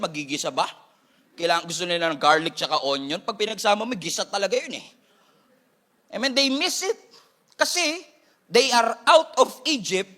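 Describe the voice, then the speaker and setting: A man's voice: high voice, bright, forceful tone. A Filipino man preaching a sermon as pastor, with a Filipino accent, mixing Tagalog and English and joking with the congregation. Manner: switches between Tagalog and English, jokes with congregation.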